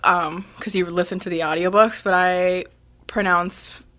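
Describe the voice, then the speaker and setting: A woman's voice: lowish voice, fairly even intonation, unhurried, a bit bright. A young woman co-hosting a casual book podcast, chatty and rambling with lots of fillers and restarts. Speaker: podcast co-host. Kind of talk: casual chat.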